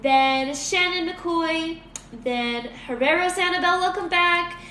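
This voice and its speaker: Congested woman reading out questions, high bright voice, echoey room. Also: slow. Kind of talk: reading viewer questions aloud. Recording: echoey room with faint noise.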